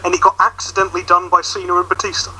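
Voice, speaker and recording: A man's voice: high voice, completely flat delivery, racing, pushed and bright, slight background noise, poor audio. A man bantering casually and teasingly as a podcast guest. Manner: joking, teasing.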